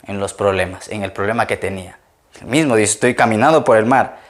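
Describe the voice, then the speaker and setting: A male pastor preaching a sermon, telling personal stories and acting out the voices of the people in them, with loud emphatic bursts. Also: mid-range voice.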